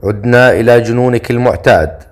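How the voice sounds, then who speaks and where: A man's voice: medium pitch, fairly quick, close to an everyday voice. A man voicing a young prince who speaks in a wry, sighing, teasing way, in a storybook reading.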